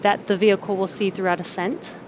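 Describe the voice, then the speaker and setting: A woman's voice: medium pitch, flat delivery, fairly quick, darkish tone, a little hiss or hum. A woman giving live, explanatory commentary as host of a launch webcast.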